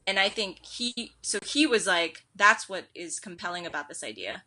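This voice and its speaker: An American woman, an education technology director, telling stories in a casual interview with lots of quoted asides and fillers. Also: on the low side. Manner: animated storyteller, quick with fillers and quoted asides. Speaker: edtech director, podcast guest.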